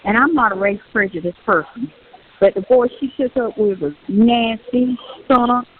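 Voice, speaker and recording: Over a tinny prison phone line full of hiss, an older woman with a Southern American accent airs her grievances on a personal call. She speaks at normal speed in a slightly high voice, hammering points home by repeating phrases.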